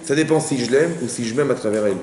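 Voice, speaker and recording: A man, a rabbi teaching a Torah class to an audience, animated, asking questions and acting out little everyday scenes. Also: mid-range voice, very fast, crowd noise. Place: community center hall. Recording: echoey hall with faint noise.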